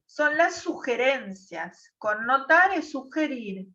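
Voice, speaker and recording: A woman teacher speaks slowly and patiently, asking her class little questions as she explains. Her voice is high and bright. It comes across muffled and lo-fi, picked up from some distance away from the mic. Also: big pitch swings. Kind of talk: online class lesson.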